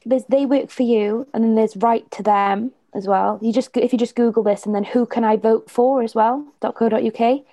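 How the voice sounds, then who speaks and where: A woman's voice: a little high, steady tone, moderate pace, hardly any pauses, dark tone, no room sound. A young woman with a South Wales Valleys accent, chatting casually as she leads a discussion. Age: young adult. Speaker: youth project participant leading discussion. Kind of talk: casual conversation.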